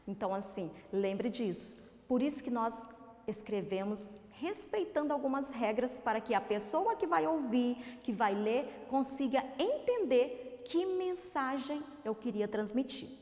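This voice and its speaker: A Brazilian woman teaching a recorded literacy lesson to young children, sounding out words slowly syllable by syllable and asking coaxing questions. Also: fairly high pitch, animated, warm tone. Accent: Brazilian Portuguese. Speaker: primary school teacher. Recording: reverberant room.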